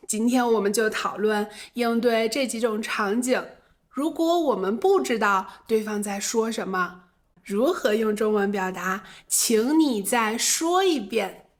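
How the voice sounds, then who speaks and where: A woman teaching a language lesson, explaining phrases and acting out short example lines. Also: on the high side. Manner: acts out example phrases in quoted voices.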